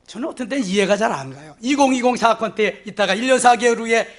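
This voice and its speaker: A middle-aged man preaching a sermon as pastor, acting out little dialogues in a lowered voice and swinging between soft murmurs and excited bursts. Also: quick pace. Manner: animated, acts out dialogues with God in lowered voice.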